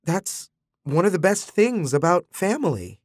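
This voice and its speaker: A man narrating an audiobook voices a soft-spoken, earnest middle-aged father comforting his son. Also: high-pitched, big pitch swings, a little slow, no echo, studio quality, pitched above the performer's own voice, exaggerated voice.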